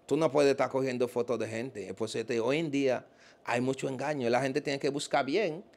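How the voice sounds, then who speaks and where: A man's voice: mid-range voice, fairly even intonation, normal speed, gravelly, darkish tone. A man with a Dominican accent, a guest in a casual interview, telling stories with animation and acting out the voices of the people he quotes.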